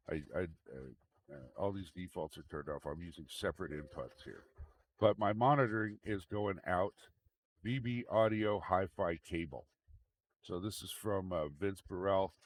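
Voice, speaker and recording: A man giving a casual, unscripted tech demonstration, rambling and repeating himself, with a gravelly voice. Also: low-pitched. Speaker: tech video host. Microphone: microphone into computer audio mixer. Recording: very noisy microphone with fan noise. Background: fan running.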